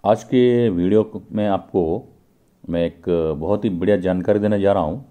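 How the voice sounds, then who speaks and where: A man's voice: on the low side, fairly even intonation, normal speed, mellow. A man hosting his own channel, talking viewers through a pipe-making factory as he films it. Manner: explanatory, addresses viewers directly. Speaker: channel host. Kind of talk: factory walkthrough vlog. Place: indoor pipe factory workshop.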